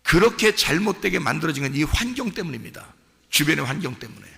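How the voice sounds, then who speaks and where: A man preaching in a church with a high, bright, gravelly voice that leaps across a wide pitch range. He drops to low murmurs, then climbs to shouted peaks, and acts out his listeners' inner voices. A long reverb from the church hall trails behind every line. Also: big pitch swings, quick pace. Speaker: pastor. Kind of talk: sermon. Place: church sanctuary.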